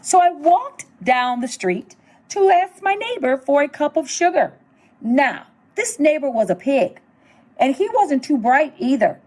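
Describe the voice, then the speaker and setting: Speaking slowly and with plenty of expression, a school superintendent in middle age gives a lively read-aloud of a storybook. Her high voice narrates as the wolf.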